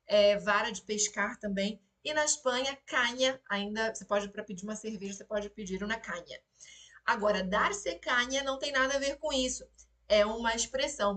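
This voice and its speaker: A woman's voice: fairly high pitch, sharp tone. A woman teaching a casual live lesson on song lyrics, explaining in a chatty way and checking in often with her listeners, recorded on a phone set a little away from her. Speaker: Spanish teacher.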